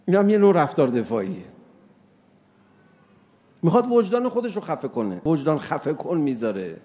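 A man giving a sermon to an audience, animated, acting out little dialogues with mocking humor. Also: fairly high pitch. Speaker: religious lecturer.

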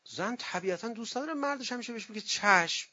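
A man's voice: sits high, highs cut off. A man, a cleric, giving a conversational sermon on marriage, telling anecdotes and acting out the voices of the people in them. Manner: lively storyteller who acts out quoted voices.

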